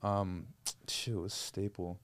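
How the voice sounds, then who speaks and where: A man's voice: sits low, little pitch movement, takes it slowly, no room sound. A man co-hosting a podcast in casual chat, rambling with lots of fillers and laughs. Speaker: podcast co-host.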